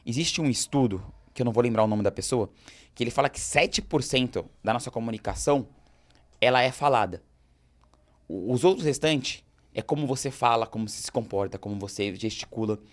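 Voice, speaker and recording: A man with a Brazilian accent rattles through a motivational talk, quick and lively. He gives business advice with animated energy and slips into short acted-out exchanges along the way. His voice sits at an ordinary male pitch. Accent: Brazilian Portuguese. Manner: energetic, gesturing, acts out quoted dialogue. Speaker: host.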